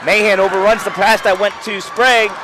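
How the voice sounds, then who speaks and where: A man calling a high school basketball game play by play from courtside, quick calls that jump up on big plays. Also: fairly even intonation, a crowd in the background, noisy background. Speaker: play-by-play announcer. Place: courtside at a gym.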